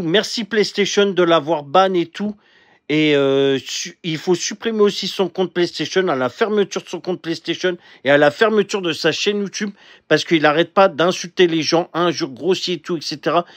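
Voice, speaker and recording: A man with a somewhat high voice talks in a casual voice-over. He urgently presses viewers to report someone and sign a petition. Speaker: uploader calling to report a user.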